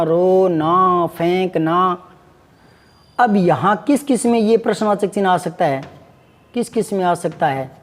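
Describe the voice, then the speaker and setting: A man's voice: high voice, long reverb tail. A man teaching Hindi grammar, patiently repeating examples and asking his students questions. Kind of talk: classroom lesson.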